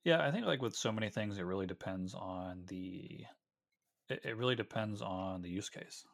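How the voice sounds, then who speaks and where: A man's voice: deep voice, normal speed, vocal fry. A man co-hosting a casual tech podcast, explaining things at length and correcting himself as he goes. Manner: rambling, self-correcting explanations. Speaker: podcast co-host.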